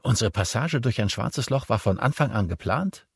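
Ein Mann spricht in einem Hörbuch eine angespannte, ungeduldige junge Frau mit gepresster, hochgezogener Stimme. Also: male voice, lively intonation, normal speed, gravelly, breathy edge, dry recording, exaggerated voice. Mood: gereizt. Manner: raised, strained pitch. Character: tense young woman, impatient, nerves on edge.

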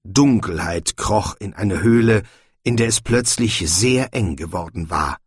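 A man narrating an audiobook in scripted storybook style, with expressive, shifting intonation. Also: deep voice, unhurried, slightly rough, dry recording. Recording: dry, close audiobook recording.

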